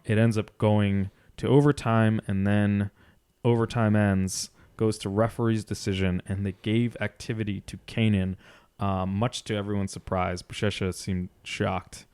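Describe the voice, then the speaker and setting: Male sports podcast co-host, low smooth voice, measured and explanatory, casual recap style. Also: level tone, darkish tone.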